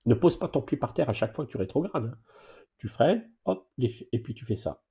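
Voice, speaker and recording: Male driving instructor, informal live Q&A; dark, mellow tone with gravelly fry; familiar, playful delivery. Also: mid-range voice, fairly quick. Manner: familiar, chatty, addresses viewers informally; lively exclamations and playful asides. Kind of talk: casual live Q&A driving lesson.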